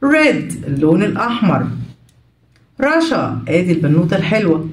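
A woman English teacher with an Egyptian Arabic accent, going through a children's workbook. She says the English words slowly, glosses each in Arabic, and asks questions she then answers herself. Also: fairly low pitch, big pitch swings, far from the mic. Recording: echoey room, voice a little off the mic.

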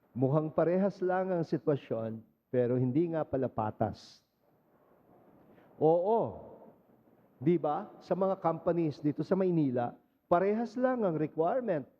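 A priest with a Filipino accent giving a Sunday homily in a conversational storytelling way, mixing in English phrases. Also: male voice, a little high. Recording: muffled lo-fi recording.

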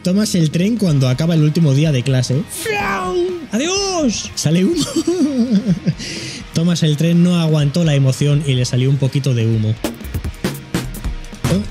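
A man with a Spain accent giving casual, jokey reaction commentary with sudden exclamations. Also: medium pitch. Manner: jokey, exclaiming, voicing objects in funny asides. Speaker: reaction video host.

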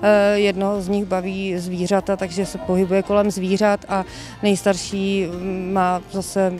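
A middle-aged woman who runs an organic farm, answering interview questions outdoors into a handheld mic in a steady, matter-of-fact way. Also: medium pitch, faint music behind. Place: outdoors in open countryside. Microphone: handheld reporter mic.

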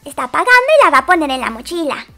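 A woman narrating a doll-game story in a casual, playful way, with excited gasps and exclamations. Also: high-pitched, quick pace, faint music behind. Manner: excited, exclaiming, gasping reactions.

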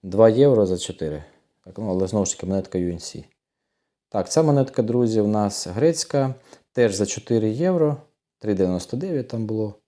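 Male host for casual unboxing chat, lowish warm voice, chatty and unhurried, talks straight to his viewers. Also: animated. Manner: chatty, often addresses viewers as friends, thinks aloud. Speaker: coin collector channel host.

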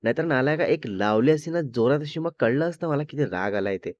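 A pouting, possessive young woman who fires off snappy comebacks, read out by a man in a mid-pitched voice. The sound is dry and a little dull and lo-fi, with no room around it. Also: animated, fairly quick, darkish tone, no echo, close to an everyday voice. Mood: sulky. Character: young woman Avni, sulky, jealous, possessive. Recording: slightly dull lo-fi recording.

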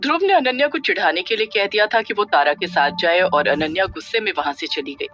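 A woman narrating an episode of a serial story in an expressive voice. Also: fairly low pitch, a little fast. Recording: dull lo-fi audio with faint music.

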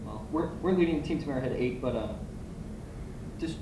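Halting male reporter, echoey and distant. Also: mid-range voice, lively intonation. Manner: halting, restarts questions. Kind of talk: press conference questions. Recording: echoey room, off-mic, noisy.

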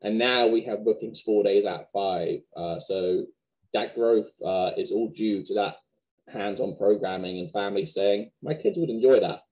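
A man in his thirties with a West Country Wiltshire accent softened by American, answering questions conversationally in an interview. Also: lowish voice, steady tone, a little slow, poor audio. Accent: West Country Wiltshire English, softened by American. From Wiltshire, England. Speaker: museum director, interview guest. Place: small plain office, video call.

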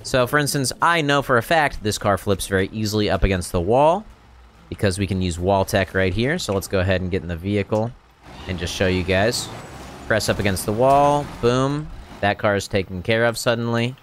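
A brisk, lowish male voice belongs to a game streamer in his thirties who hosts tutorials. He chats casually through gameplay tips and commentary, speaking close to a boom-mounted mic, and background noise comes through clearly.

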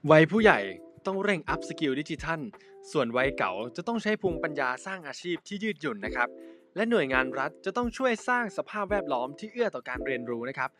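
A man's voice: on the high side, very animated, fast, over music. A young man hosting a comic educational presentation, playful and teasing but polite. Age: young adult. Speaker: host.

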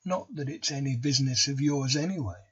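A man voicing a bold schoolboy who stays calm when cornered, reading slowly from a storybook. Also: medium pitch, husky, highs cut off. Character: schoolboy, bold and cool under pressure.

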